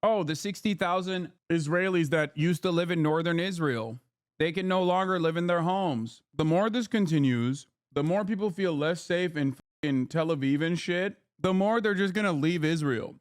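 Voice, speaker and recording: A man's voice: fairly high pitch, moderate pace, no echo, studio quality. A man who grew up in Turkey, reacting to news clips on his live stream in a heated, sarcastic and profane way.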